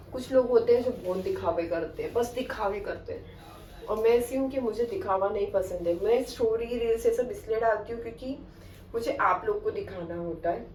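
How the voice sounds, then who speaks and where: A woman's voice: mid-range voice, a little mellow. Young woman, casual vlog chat, roomy echo, faint background hum. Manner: chatty, addresses viewers directly. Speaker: vlogger. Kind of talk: casual vlog talk to camera. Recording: echoey room, voice a bit far from the mic, faint background hum.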